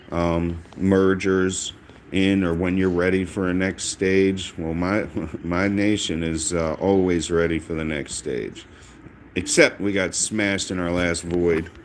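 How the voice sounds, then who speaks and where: A man giving casual, self-mocking commentary over a mobile strategy game he is playing, in a dry, monotone way. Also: deep voice, slight background noise. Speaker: gaming channel host.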